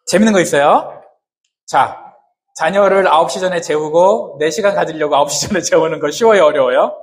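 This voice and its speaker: A man's voice: on the high side, brisk. A man preaching a sermon who keeps asking the congregation questions and answering them himself, in casual, joking everyday words. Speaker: pastor.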